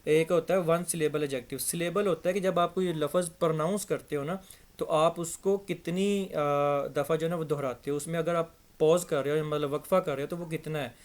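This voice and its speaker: A young man teaching an English grammar lesson in a casual, chatty way, slowly repeating words to show their pronunciation. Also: a little high, steady tone, darkish tone.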